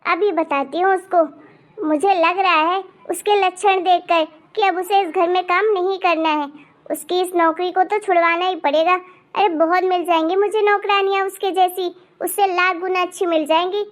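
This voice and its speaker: Woman playing a mean snooty old cartoon granny, high shrill voice, snaps and scolds. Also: steady tone, normal speed. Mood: scolding. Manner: harsh, contemptuous, scolding. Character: haughty scolding old grandmother of a rich girl. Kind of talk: animated cartoon voice acting.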